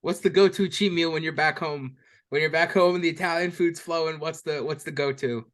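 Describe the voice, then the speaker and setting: A man's voice: a little high, fairly even intonation, fairly quick, fairly bright tone. A man hosting a casual sports podcast, asking rambling questions full of "you know"s. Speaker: podcast host.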